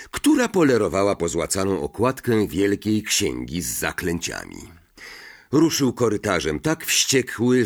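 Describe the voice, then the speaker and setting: A man narrating a novel in an expressive audiobook style. His voice sits low, yet his intonation rises and falls in a lively, animated way. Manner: expressive storytelling.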